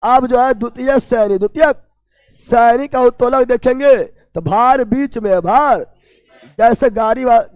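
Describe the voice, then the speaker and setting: A man's voice: extremely high pitch, a little slow, no echo. A male teacher, lecturing for exam prep, repeating key terms and quizzing his students. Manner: bursts of shouting for emphasis.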